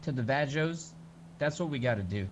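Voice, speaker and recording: A man's voice: mid-range voice, animated, normal speed, a little hiss or hum. Brash swearing man in game role-play. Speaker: streamer playing a character.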